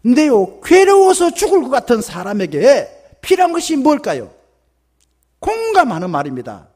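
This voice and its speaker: A man's voice: very high-pitched, moderate pace. A male pastor with a Gyeongsang Korean accent preaching a sermon in church, often acting out little dialogues. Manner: lively preaching with acted-out dialogue. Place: church sanctuary.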